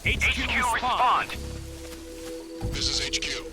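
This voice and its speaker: A man's voice: high-pitched, sing-song, takes it slowly, over music, full character voice. A man playing an alert enemy soldier in a video game, calling in clipped military reports over a field radio. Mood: urgent, alert.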